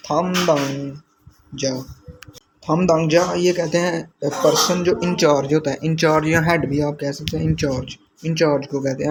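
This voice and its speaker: Man teaching vocabulary slowly, slightly high voice. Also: a little mellow, a little hiss or hum, low-quality recording. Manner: slow, repeats and glosses each word. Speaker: language teacher. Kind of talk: explaining vocabulary to learners.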